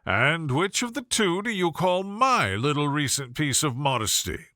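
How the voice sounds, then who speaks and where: Storybook role: male reader as an easygoing young gent, lighthearted, bright and animated, teasing. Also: a little high, measured pace, dry recording, studio quality, heavily acted. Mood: good-humored, teasing. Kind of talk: audiobook character voice.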